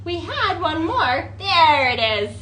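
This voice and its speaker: During an interactive storytime, a librarian talks to children in an animated way, coaxing them with questions and exaggerated wonder. Her voice is extremely high and slow, with slight background noise present.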